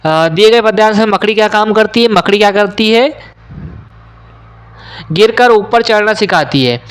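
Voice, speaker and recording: A male teacher going through an exam paper question by question, explaining each answer step by step with frequent "uh" pauses. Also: sits high, fairly bright tone, smooth. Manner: explains step by step, often pausing with "uh". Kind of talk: exam solution walkthrough.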